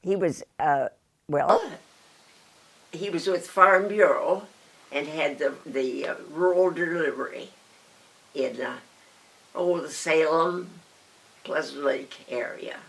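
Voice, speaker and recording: A very old woman, about a hundred, with a Midwestern American accent, reminisces haltingly in an interview, pausing often. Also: deep voice, poor audio. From United States, rural Indiana. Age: very old, about 102. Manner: halting delivery with long pauses and many hesitations.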